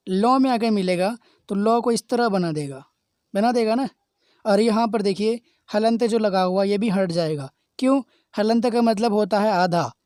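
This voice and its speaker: A man's voice: sits high, darkish tone, dry recording, clean studio sound. A male teacher giving a step-by-step grammar revision lesson, often asking students whether they follow. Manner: keeps checking understanding with quick questions; explains step by step, answering his own questions.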